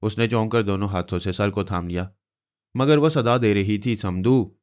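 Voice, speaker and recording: This is a man reading a novel aloud in a steady, dramatic audiobook style. His voice is low. It sounds smooth and resonant. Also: normal speed. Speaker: storyteller.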